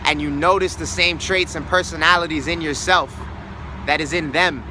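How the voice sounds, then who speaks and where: Earnest male self-help host, a touch high-voiced, outdoors with clear traffic noise. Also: steady tone, normal speed. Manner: earnest, reflective, repeats key words for emphasis. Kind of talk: motivational spiritual talk.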